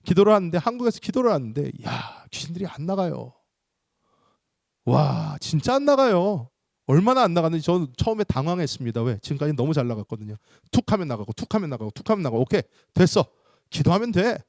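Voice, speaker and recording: A male pastor preaches in a slightly raised voice, telling a story and acting out each exchange of dialogue. His delivery swings between loud commands and quieter asides. The sound is close and dry in a church. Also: a little high, big pitch swings, fast talker, gravelly, dry recording. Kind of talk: sermon. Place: church sanctuary.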